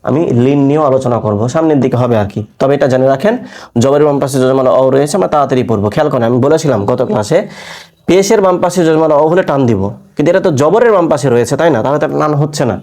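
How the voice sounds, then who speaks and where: A man's voice: on the high side, racing, a little mellow. A man teaching Quran reading, spelling out syllables patiently and quizzing his listeners with rhetorical questions. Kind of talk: spelled-out recitation lesson.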